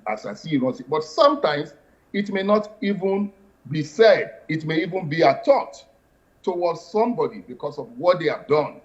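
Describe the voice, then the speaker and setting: A man with a fairly high voice, a native Yoruba speaker, gives interview answers as a guest who practices spirituality. He speaks in a measured, explanatory way with formal wording, and the audio is lo-fi.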